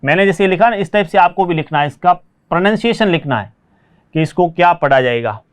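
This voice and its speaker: An Indian man with a Rajasthani Hindi accent gives an online spoken English lesson, slowly drilling and repeating each word before explaining it in Hindi and urging students to write their answers fast. His voice is high, expressive and clear, with a resonant tone.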